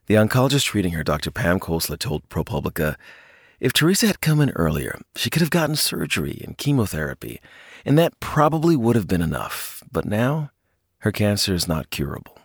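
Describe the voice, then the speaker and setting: A man co-hosting a news podcast, reading scripted news in a lively, expressive way. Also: on the low side, brisk, husky, dry recording, clean studio sound. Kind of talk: scripted news narration and banter.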